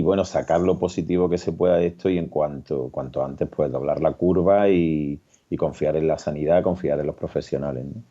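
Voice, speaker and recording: A man, a charity representative answering interview questions with many pauses and fillers. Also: low-pitched, mellow, dull audio. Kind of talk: remote TV interview.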